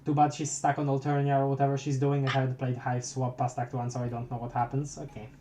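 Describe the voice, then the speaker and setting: A man's voice: medium pitch, completely flat delivery, fast talker, a little mellow, slight background noise. A young man streaming a live read of a webcomic, rambling and stammering as he chats with his viewers. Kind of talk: live-reading a webcomic aloud.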